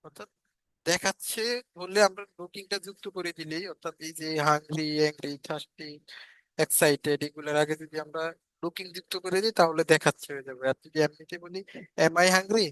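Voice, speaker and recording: Male English tutor, bright tone, slightly high, dry close mic, drills example sentences slowly. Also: steady tone, dry recording, poor audio. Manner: slowly repeats English example sentences, then translates them. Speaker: English teacher. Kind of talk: spoken English lesson.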